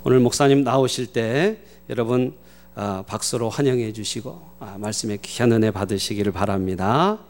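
A man, the host pastor, introducing a guest preacher to his congregation with halting speech and many fillers. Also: medium pitch, a little mellow, a little hiss or hum. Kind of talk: church introduction.

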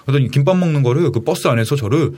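A young man, an actor, chatting casually and telling lively stories about work on set. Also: mid-range voice, very fast. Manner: lively storytelling, acts out shouted quotes. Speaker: actor guest. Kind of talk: casual chat.

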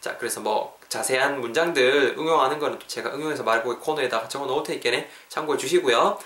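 A man hosting a podcast English lesson, lively and playful, drilling phrases over and over. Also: mid-range voice, fast talker, roomy sound. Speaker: English teacher, podcast host.

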